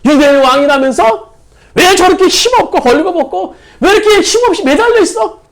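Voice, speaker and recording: A jeering mocker at the crucifixion hurls loud taunts in a high, swooping voice, as a preacher puts him on. The voice climbs and falls sharply with each scornful shout. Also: expressive, moderate pace. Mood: mocking.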